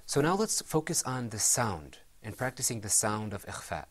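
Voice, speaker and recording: A man's voice: lowish voice, sing-song, breathy edge. A man teaching Quran recitation rules to a small class, patiently modeling sounds and encouraging students. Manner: encouraging, drawn-out modeling of pronunciations.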